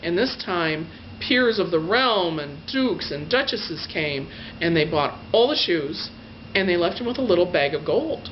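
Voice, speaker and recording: Retelling a fairy tale her own way, this storyteller speaks on the low side and sounds animated, stretching out adjectives with gushing emphasis. Faint noise sits under the dull, lo-fi audio.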